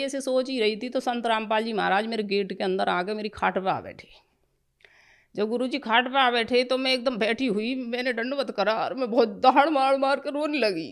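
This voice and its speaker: A middle-aged woman giving an emotional personal testimony, rambling at times and breaking off to restart. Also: fairly high pitch.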